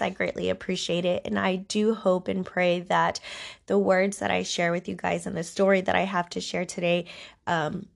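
A woman's voice: mid-range voice, gravelly. A woman hosting a podcast with a congested voice, giving a personal, reflective talk about faith in a confiding manner. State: congested from allergies, voice not its normal sound. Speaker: podcast host.

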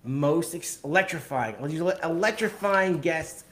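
A man's voice: a little high, animated, moderate pace, fairly bright tone. Upbeat man hosting a live podcast. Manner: upbeat, stumbles over words and repeats himself. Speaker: podcast host. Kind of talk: live video podcast chat.

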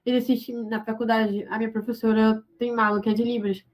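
The speaker is a young adult woman, a university student with a Brazilian Portuguese accent, responding to an interviewer. Her voice sits on the high side with little pitch movement and a fairly quick pace, and she hesitates a lot, using frequent fillers and starting over.

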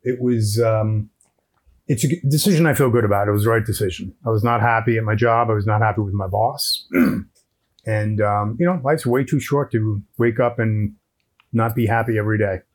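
A man guest on a podcast, telling a story in a measured, deliberate way over a headset microphone. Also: on the low side. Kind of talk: casual storytelling chat.

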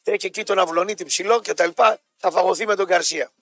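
A Greek man with a high voice argues his football predictions on a casual sports talk show. He is blunt and emphatic, and he throws in crude jokes. The sound is dry and close, with faint music underneath. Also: sharp tone, no room sound. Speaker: football pundit co-host.

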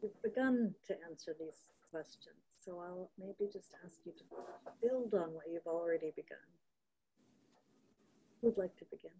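A woman with a husky, low-pitched voice moderates a panel, her sound coming through a video call. She is calm and encouraging and keeps the discussion moving. Her tone is mellow and relaxed. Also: normal speed, dull audio. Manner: calm and encouraging, hands the floor on. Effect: heard over a video call.

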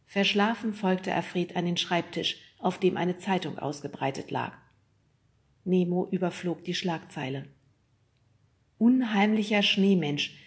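A woman narrating a children's audiobook with lively, scripted storytelling. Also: lowish voice, measured pace.

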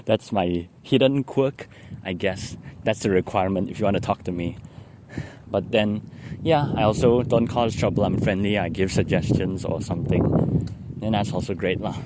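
Young man, Singlish accent, lowish voice, casual meandering diary talk, loud vehicle noise behind. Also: moderate pace. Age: young adult. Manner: meandering, ends phrases with lah. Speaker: daily vlogger.

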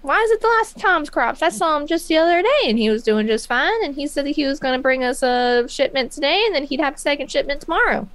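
A woman's voice: high voice, lively intonation, fast talker, hardly any pauses, no room sound. A woman running a tabletop game as game master, narrating casually and voicing a merchant. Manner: casual, laughing, voices a merchant.

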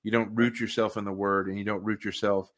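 A man's voice: lowish voice, little pitch movement, brisk. A man hosting a casual faith conversation, reflecting thoughtfully and at length.

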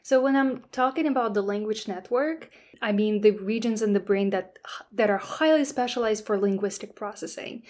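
A woman guest in an interview, patiently explaining her research in a relaxed way, often checking in with "right?". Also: mid-range voice, normal speed. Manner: explains patiently, with frequent "right?" and "that kind of stuff". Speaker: scientist guest.

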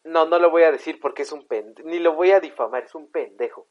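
A young man with a Mexican Spanish accent co-hosts a podcast, joking, laughing and swearing, and now and then reading a story aloud. His voice is on the high side and fairly quick, and the recording sounds dull and lo-fi.

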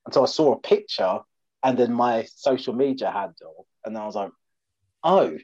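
A man's voice: mid-range voice, brisk, a little mellow, no echo, dull audio. A man from Essex with an Essex accent, chatting casually as a comedian guest on a podcast in a jokey, self-deprecating way. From Essex, England. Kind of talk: casual chat.

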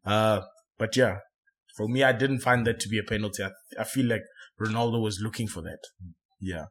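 A man's voice: fairly low pitch, brisk, a bit bright. Hesitant man hosting a football podcast. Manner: hesitant, self-correcting, many fillers. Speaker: podcast host. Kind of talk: casual football chat.

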